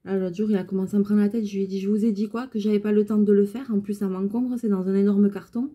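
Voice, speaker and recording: A woman's voice: medium pitch, steady tone, fast talker, slightly rough, highs cut off. A woman who runs a clothing alterations shop, chatting casually and venting with exasperation about her customers.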